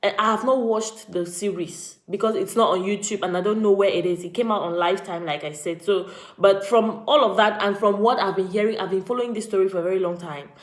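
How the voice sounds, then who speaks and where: This Cameroonian vlogger greets her live-stream viewers by name while offering casual commentary. Her medium-pitched voice moves a little fast, and the audio is reverberant.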